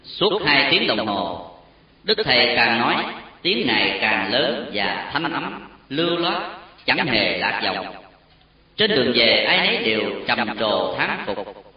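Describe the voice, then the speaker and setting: A man narrating a solemn story with an expressive, emotional delivery. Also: medium pitch, takes it slowly. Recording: very echoey, distant, dull lo-fi sound.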